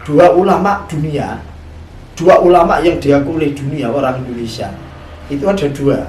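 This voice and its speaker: A male preacher tells a story in a sermon and keeps asking his listeners questions. His voice sits a little high for a man. He sounds far from the mic in an echoey room. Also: moderate pace, darkish tone, a little hiss or hum. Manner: storytelling, often questioning the audience. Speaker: Islamic preacher.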